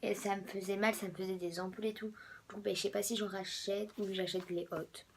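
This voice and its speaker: A hoarse young woman, a bit sick, rambling casually about her sneakers with many fillers and drops to a whisper. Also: medium pitch, level tone, fairly quick, a little hiss or hum. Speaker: vlogger. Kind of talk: casual sneaker show-and-tell.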